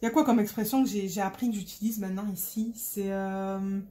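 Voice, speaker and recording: A woman's voice: medium pitch, fairly even intonation, brisk, mellow. A woman from Marseille with a Marseille accent, chatting casually to her phone in a vlog, rambling and searching for words. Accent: Marseille French. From Marseille, France. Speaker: diamond painting vlogger. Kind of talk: casual chat to camera.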